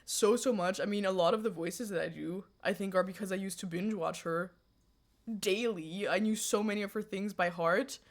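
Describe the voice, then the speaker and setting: This streamer is a woman in her twenties with a medium-pitched voice at a normal speed, talking from her home room into a USB condenser desk mic. Casual with her viewers' chat messages, she jokes around, stays animated and keeps giggling and laughing.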